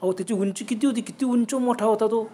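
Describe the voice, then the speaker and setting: A man's voice: high-pitched, quick pace, warm tone, pitched above the performer's own voice, close to an everyday voice. A man voicing a frightened young male farmhand who urgently pleads with his companion to run. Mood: panicked, urging.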